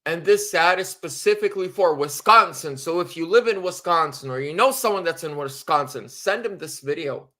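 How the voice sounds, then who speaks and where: High pitched guy ranting about politics, emphatic, repeats himself a lot. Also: expressive, moderate pace, hardly any pauses, pushed and bright. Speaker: political commentator. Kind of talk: casual political commentary.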